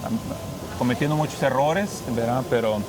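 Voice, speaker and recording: Brief: young Mexican priest as a guest, hesitant and restarting, mid-range voice, noisy background. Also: male voice, mid-range voice. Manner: halting, many restarts and fillers. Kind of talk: interview guest, personal testimony.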